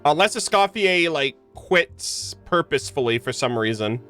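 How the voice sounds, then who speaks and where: A man streams a game, giving casual live commentary full of slangy, joking reactions while game music plays behind him. His voice is a little high and fairly bright, with lively intonation at a normal speed.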